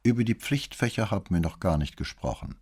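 Man doing a calm wry police commissioner, husky voice, lively intonation, audiobook figure. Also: sits low, fairly quick, voice pushed up. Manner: calm, ironic and courteous.

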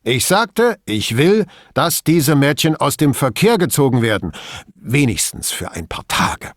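A man's voice: medium pitch, sing-song, measured pace, husky, no echo, clean studio sound. A man playing a pompous, indignant police chief. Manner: indignant, emphatic, complaining.

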